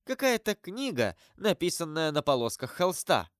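Man doing a deferential jailer type, chatty, pitched up, dry close sound. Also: sing-song, moderate pace, dry recording. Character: humble middle-aged male prison guide, eager. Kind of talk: audiobook character voice.

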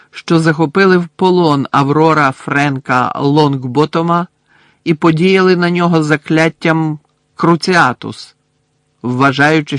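A man doing a stern, shouting old judge. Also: on the high side, no room sound. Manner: loud, shouting, clipped formal speech. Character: stern older male judge, cold and furious.

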